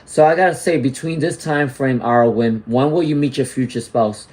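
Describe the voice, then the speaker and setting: A tarot reader gives live readings in a medium-pitched, darkish voice at a moderate pace, and the recording quality is low. He reads out viewer comments, greets chatters, and keeps checking in with "all right?" and "okay?"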